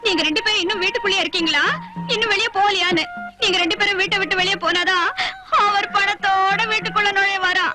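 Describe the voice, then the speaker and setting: Tearful young daughter-in-law. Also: female voice, very high voice, fairly even intonation, quick pace. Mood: earnest. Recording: 1980s film soundtrack with music.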